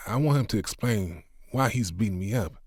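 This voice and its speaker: A worn-down, grieving man who turns his pain into defiant, self-pitying sarcasm, played by a man. The voice is deep and recorded close with no room sound. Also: lively intonation, moderate pace, darkish tone, dry recording. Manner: bitter, half-hearted sarcasm.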